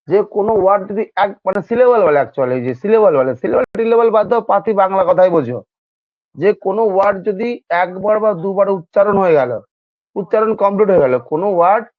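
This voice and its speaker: A man's voice: sits high, no room sound, narrow, tinny audio. A man teaching an exam-prep grammar lesson, who repeats each point and keeps asking his students questions. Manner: addresses students informally. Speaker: English teacher.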